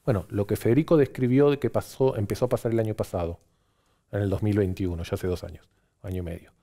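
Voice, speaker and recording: A man's voice: lowish voice, steady tone, fast, mellow. A man with an Argentine accent, a pollster guest giving fluent political analysis on TV and listing his points one after another.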